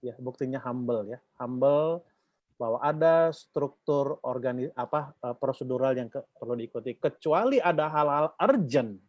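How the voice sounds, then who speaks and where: Speaking informally to a church group, a man from Batak, North Sumatra, rambles with plenty of fillers and leaves questions for his listeners to finish. He is animated and talks at normal speed. The recording is dry and dull, like low-fidelity audio.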